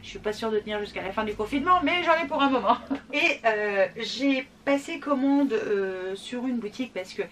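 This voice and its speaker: A woman's voice: on the high side, lively intonation, moderate pace, fairly bright tone, recorded from a distance. A French woman chatting casually in a beauty vlog at home, rambling with fillers and laughing often. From France. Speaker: beauty vlogger. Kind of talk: casual product review vlog.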